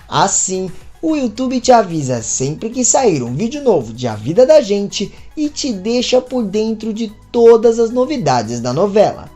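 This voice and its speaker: A woman narrating a soap opera recap in an expressive storytelling manner. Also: mid-range voice. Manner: expressive storytelling, asks viewers to subscribe.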